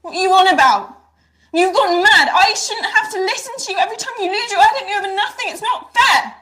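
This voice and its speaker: A woman's voice: extremely high pitch, a little fast, pushed and bright. An actress playing a defiant fourteen-year-old girl arguing back with her father. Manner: defensive, indignant.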